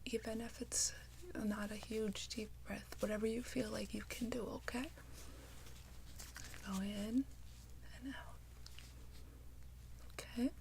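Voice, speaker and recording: Slow, whispering woman in nurse role-play. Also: a little high, fairly even intonation, creaky, slight background noise, rough recording. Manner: gentle, reassuring nurse bedside manner. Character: caring, attentive female nurse. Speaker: ASMR performer playing a nurse.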